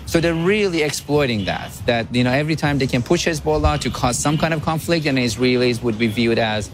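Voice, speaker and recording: A man's voice: mid-range voice, a little fast, slight background noise. Male analyst, firm and emphatic, mid-range voice, guest on a talk radio interview. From Iran.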